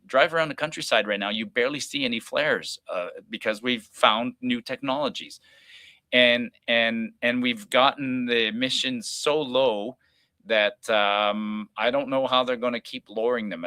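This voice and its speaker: A man's voice: on the low side, pushed and bright, no echo. A middle-aged man from Alberta hosting a call-in radio show, talking in a folksy, pragmatic way with frequent restarts and asides. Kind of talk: opinionated talk radio monologue.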